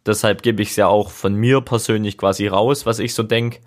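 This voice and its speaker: A young man hosts a casual solo podcast in a somewhat low voice. He speaks informally and reflectively, thinking aloud as he goes. His talk rambles loosely from one thought to the next. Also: steady tone, moderate pace. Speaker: podcast host. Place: seated, leaning back in a chair.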